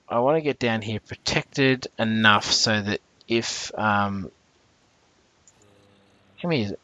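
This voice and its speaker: A young man hosts casual gameplay commentary in a mid-range, slightly bright voice with no echo. He rambles, full of fillers and self-corrections, and breaks into jumpy reactions whenever danger shows up.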